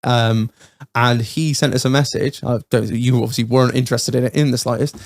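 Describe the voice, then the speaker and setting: A man's voice: medium pitch, flat delivery, brisk. A man, hosting a casual podcast chat, enthusiastic, swearing freely and laughing often. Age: 20s. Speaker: podcast host. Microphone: studio microphone.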